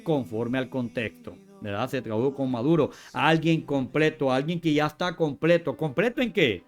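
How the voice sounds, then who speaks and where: High-voiced man teaching word meanings. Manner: repeats words and corrects himself often; spells out word meanings in lists. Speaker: Bible teacher. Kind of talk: teaching from scripture.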